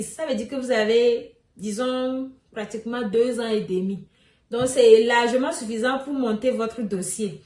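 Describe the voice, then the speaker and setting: A woman explaining immigration news in a casual vlog, chatty and repeating key points, with a slightly crackly voice. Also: high voice. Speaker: immigration vlogger. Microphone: phone mic. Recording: echoey room, far from phone mic.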